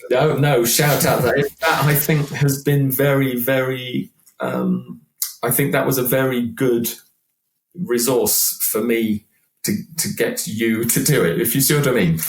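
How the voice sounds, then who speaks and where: In a roomy, echoing recording, a sixty-year-old British man who earns his living singing at functions rambles as a podcast interviewee and makes light of himself. His mid-range voice moves with lively intonation and a slightly slow pace.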